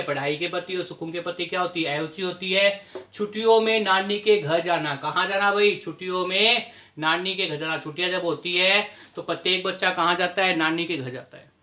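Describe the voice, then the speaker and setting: A man's voice: sits high, pushed and bright. A male teacher giving a class lecture, posing questions to his students and answering them himself, repeating points to drive them home. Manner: repetitive, explanatory teaching tone.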